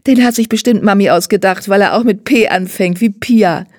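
A woman voicing an excited, bossy little girl in an audiobook, with a high, shrill voice. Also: moderate pace, no room sound, studio quality, close to an everyday voice.

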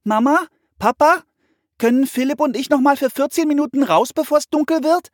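A man voicing an eager, excitable young girl in a storybook reading, high and breathless. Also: moderate pace, breathy edge, dry recording, studio quality, exaggerated voice.

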